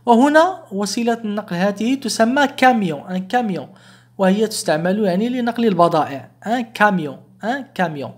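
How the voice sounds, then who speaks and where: A man teaching a beginner language lesson, saying each example slowly and clearly and then explaining it quickly, with patient restatements. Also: high voice, lively intonation. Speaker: French teacher.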